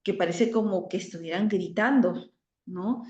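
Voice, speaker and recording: A woman giving an online class lecture, often ending phrases with a questioning tag and pausing on fillers. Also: mid-range voice, mellow. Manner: frequent "¿no?" tags and hesitations. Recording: roomy, dull lo-fi audio.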